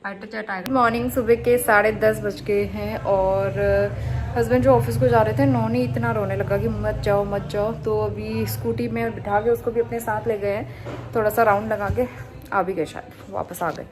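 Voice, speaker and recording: A woman's voice: medium pitch, fairly even intonation, normal speed, music in the background. A young woman vlogging from her home, chatting casually to viewers about her day. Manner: warm, homely and talkative, speaking to viewers and her child. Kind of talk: casual chatty vlog narration. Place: at home, indoors.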